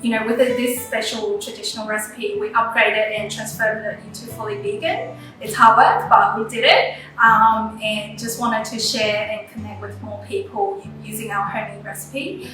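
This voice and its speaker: Hesitant Australian woman, distant and roomy. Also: medium pitch. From Taiwan, grew up in Australia. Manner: halting, with many fillers. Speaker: restaurant owner. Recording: roomy and distant with music behind.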